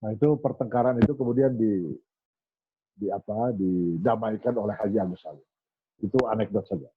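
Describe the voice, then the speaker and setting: A man telling history in a relaxed, anecdotal way, acting out remarks he quotes. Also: fairly low pitch, normal speed, husky, dry recording. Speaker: speaker on history. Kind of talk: storytelling history talk. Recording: tinny phone-like recording.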